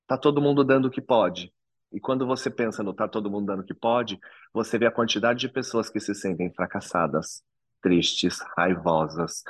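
Earnest man, low dry voice. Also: no room sound. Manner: earnest, reflective storytelling. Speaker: interview guest. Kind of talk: personal testimony in an interview.

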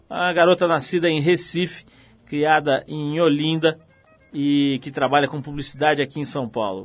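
A man hosting a radio show, introducing guests and music in a lively announcer style. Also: on the high side. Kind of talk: radio presenting.

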